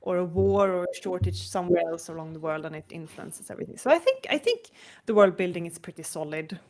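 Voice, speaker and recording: Woman chatting about a book, lively, searching for words. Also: on the low side, fast. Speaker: book club member. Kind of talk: casual book club chat.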